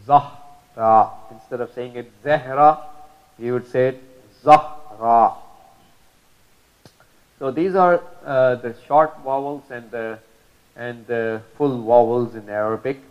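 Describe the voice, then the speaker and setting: A man's voice: mid-range voice, moderate pace, dull audio. A man teaching Arabic pronunciation in a religious lesson, patiently repeating model sounds with many fillers.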